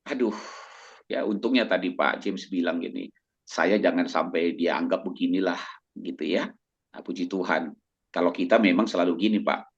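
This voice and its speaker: A man, a pastor, preaching in an animated, exhorting way, often ending points with a tag question to his listeners and acting out little dialogues. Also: deep voice, husky, dull audio. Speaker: pastor and doctor, guest speaker. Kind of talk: preaching talk to a congregation.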